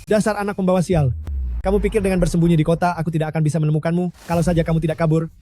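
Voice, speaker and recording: A man voices a greedy, cruel family member who takes a single mother's money. His voice is high yet dark, and he fires off scornful lines at great speed. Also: little pitch movement, very fast, faint music behind, natural voice. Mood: contemptuous. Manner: harsh, contemptuous. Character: greedy, cruel extortionist relative. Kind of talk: dubbed drama acting.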